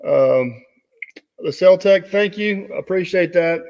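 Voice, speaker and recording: A man's voice: high voice, slow pace, a little mellow. Rambling man chatting on a live stream. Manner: rambling, reads out viewer comments with many fillers. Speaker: host. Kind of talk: casual live-stream chat. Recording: dull audio with long reverb.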